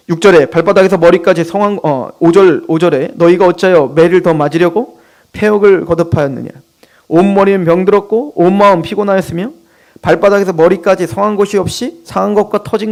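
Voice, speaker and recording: A male pastor giving an animated, emphatic sermon with personal asides. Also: sits high.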